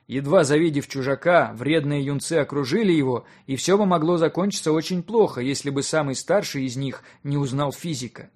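A man reading a literary audiobook as narrator, in an even, measured storytelling manner. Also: on the high side.

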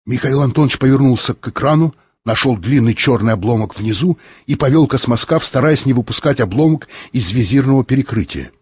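A man reads a story aloud in an expressive, animated way, with his pitch moving freely through the lines. His voice is husky and breathy. The recording is close and completely dry. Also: fairly quick, no room sound. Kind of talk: audiobook narration.

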